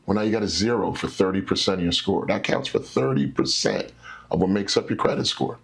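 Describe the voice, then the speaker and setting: A man with a deep, low-set voice and a husky grain to it. He talks like a patient teacher, breaking ideas down into simple steps. He keeps it animated with acted-out examples as an interview guest. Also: brisk. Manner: animated, teacherly, acts out scenarios. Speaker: credit specialist guest. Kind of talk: explaining with stories in an interview.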